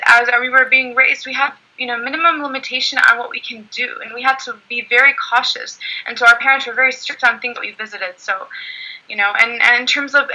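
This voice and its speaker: A woman with a somewhat high, very bright and tense voice speaks earnestly in a panel discussion. She talks with many "you know" fillers and restarts her sentences. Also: low-quality recording.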